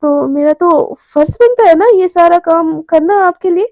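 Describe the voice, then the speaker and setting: A woman's voice: extremely high pitch, moderate pace, a little mellow, no echo. A woman voicing a playful young woman, a cheeky new assistant who talks in a sweetly teasing way.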